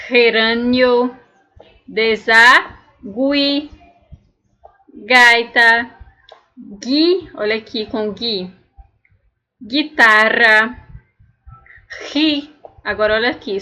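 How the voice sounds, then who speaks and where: A woman's voice: on the high side, fairly bright tone, muffled recording. A woman teaching a recorded language lesson, patiently explaining and drilling words one at a time. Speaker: Spanish teacher.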